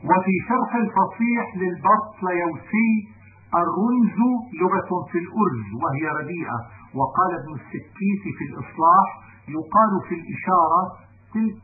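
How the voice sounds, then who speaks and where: A man reading a classical grammar text aloud in a measured, deliberate recitation. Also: fairly high pitch. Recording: narrow phone-like band with faint noise.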